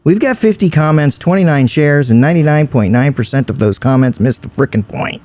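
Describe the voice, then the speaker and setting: A man's voice: fairly high pitch, animated, a little fast, a little mellow, slight background noise. A man co-hosting a local podcast in casual chat, a news writer who tells stories in a dry, explanatory way.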